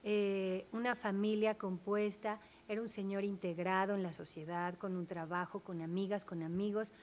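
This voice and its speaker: A woman's voice: medium pitch, little pitch movement, moderate pace, a little mellow. A woman speaking on a panel, explaining her points earnestly and with emphasis. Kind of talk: academic panel discussion.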